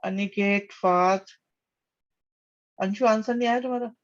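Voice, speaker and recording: A man's voice: high-pitched, fairly even intonation, a little slow, dull audio. A man teaching maths in a live online class. He calls students "beta," reads out their names, praises their answers and repeats his questions back to them.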